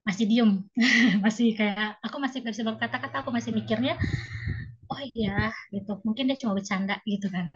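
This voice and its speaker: A young woman telling an emotional personal story in a halting, hesitant way, with many fillers. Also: on the high side, slightly rough. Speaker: guest sharing a personal story. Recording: muffled lo-fi call audio.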